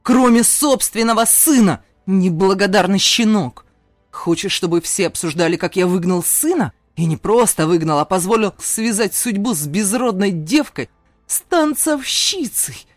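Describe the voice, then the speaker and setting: An audiobook reader voicing a stern, powerful older father who speaks slowly and broodingly, then bursts into shouting. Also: medium pitch, no room sound, faint music behind. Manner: slow, brooding, erupts into shouting. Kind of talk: audiobook character voice.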